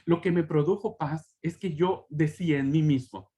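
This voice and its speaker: A man's voice: a little high, moderate pace, warm tone. Earnest man giving an emotional testimony. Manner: earnest and emotional, often addressing listeners as brothers; frequent tag questions and restarts. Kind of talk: personal testimony in a class.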